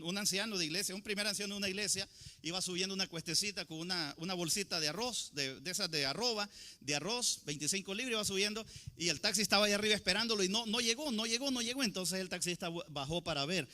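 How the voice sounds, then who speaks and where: A male pastor preaching a sermon, asking the congregation questions and drawing out quoted scripture slowly and emphatically. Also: sits high, pushed and bright.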